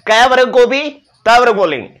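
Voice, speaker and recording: A man's voice: extremely high pitch, expressive, moderate pace, a bit bright, clean tone. A male teacher giving an exam-prep lecture, explaining and demonstrating sounds with playful asides to his students. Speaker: Sanskrit teacher.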